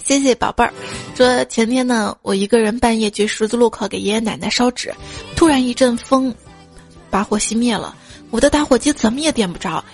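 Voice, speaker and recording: A woman's voice: fairly high pitch, a little fast, soft background music. A woman hosting a casual joke show, telling funny stories in a playful, giggly way. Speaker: podcast host.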